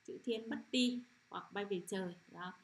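A middle-aged woman teacher leading a children's phonics lesson, sounding out syllables slowly and often asking if the class has understood. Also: mid-range voice. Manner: repetitive, checks understanding with frequent "được chưa?".

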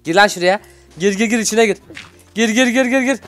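A man's voice: high voice, fairly quick, loud music behind the voice. A young man hosting a casual Minecraft gameplay video, teasing and bossing his playmate, laughing often and turning to talk to his viewers. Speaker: gaming channel host.

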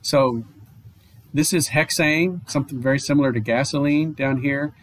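A male chemistry professor giving a recorded online lecture, explaining at a steady pace with fillers, restarts and "okay?" checks. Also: mid-range voice, normal speed. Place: home or office, online lecture.

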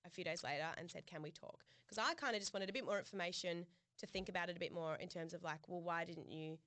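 A young woman, co-hosting a podcast in casual chat, telling her story in an animated, sweary way with laughs. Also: lowish voice, fast, no room sound. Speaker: podcast co-host.

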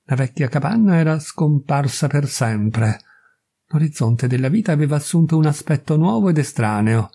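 A man narrating a story as an audiobook reader, with measured, unhurried delivery. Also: a little high, animated, dark tone, husky. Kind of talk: scripted narration.

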